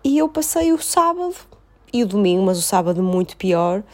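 A woman with a European Portuguese accent, telling her side of a story in casual chat, insistent and expressive. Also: medium pitch, brisk.

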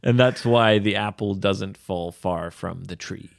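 A man's voice: sits low, slow pace, gravelly, no echo, clean studio sound. A man from Canada co-hosting a podcast in casual chat, easygoing and encouraging, fond of idioms. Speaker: podcast co-host.

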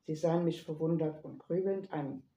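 A woman narrating a first-person story in a lively, playful manner, in an echoey room. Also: low voice, moderate pace. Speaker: reader.

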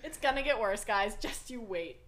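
A woman's voice: mid-range voice, lively intonation, normal speed, a bit bright. A woman co-hosting a podcast, chatting casually with a slight twang and frequent giggles. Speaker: podcast co-host. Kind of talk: casual chat.

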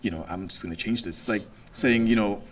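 Lowish-voiced young man, casual and slangy. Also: fast. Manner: informal, slangy, explanatory. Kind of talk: casual chat, discussion among friends. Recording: distant mic, faint room noise.

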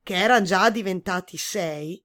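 A woman storyteller reading a children's story aloud in a gentle, measured way. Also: medium pitch.

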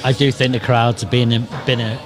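A man's voice: mid-range voice, level tone, moderate pace, a crowd in the background. A man co-hosting a podcast, chatting casually about football. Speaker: podcast co-host.

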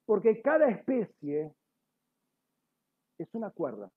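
A man's voice: high-pitched, huge pitch swings, takes it slowly, breathy edge. A man teaching a sermon, explaining words one by one, correcting himself often and checking with his listeners. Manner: frequent self-corrections and apologies. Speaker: Bible teacher. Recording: tinny phone-like audio.

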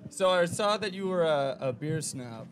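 A man's voice: fairly high pitch, animated, normal speed. A man on a dating show, flirting with cocky lines and laughing at himself. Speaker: dating contestant. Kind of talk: casual chat.

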